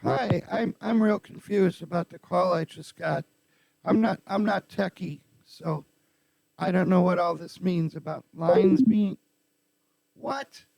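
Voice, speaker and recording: A man's voice: high voice, slow, vocal fry, darkish tone, no room sound, voice pushed up, full character voice, rough recording. A man as Patty, a morphing voice-changer lady. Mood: confused. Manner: plays dumb and confused. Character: Patty, a confused non-techie older woman. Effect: voice changer morphing his voice. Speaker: scam baiter calling phone scammers. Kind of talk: prank phone call.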